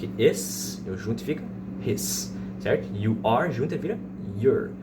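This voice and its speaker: A Brazilian English teacher in his thirties gives an informal lesson, repeating examples and saying sample sentences slowly like a didactic tutor. His mid-range voice is lively in intonation and unhurried. He's recorded from a distant mic amid loud background noise.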